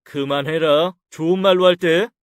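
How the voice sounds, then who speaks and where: A man voicing a domineering, quick-tempered husband in an audio story, curt and scornful. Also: a little high, no echo, studio quality, close to an everyday voice. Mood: angry. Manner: curt, scornful, raising his voice.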